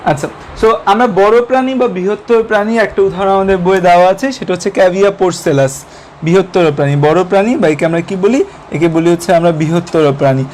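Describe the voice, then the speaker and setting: Young male tutor, high-pitched, repetitive Q-and-A lecture style, faint noise floor. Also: quick pace, a little mellow. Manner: repetitive question-and-answer teaching, code-mixing English terms. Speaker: biology teacher. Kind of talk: online lecture.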